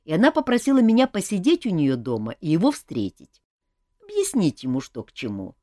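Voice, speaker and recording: A woman's voice: on the low side, wildly swooping pitch, a little fast, dark tone, dry recording, clean studio sound. A woman reading an audiobook, voicing a touchy male paladin who blusters and takes offence. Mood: brisk. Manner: indignant, blustering. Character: hot-tempered male paladin, touchy and bluff.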